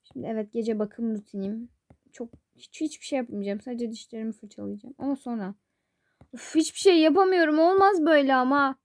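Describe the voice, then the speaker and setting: A woman's voice: high-pitched, brisk, dry recording, studio quality. A woman narrating a toy role-play vlog in a sulky, mock-dramatic way.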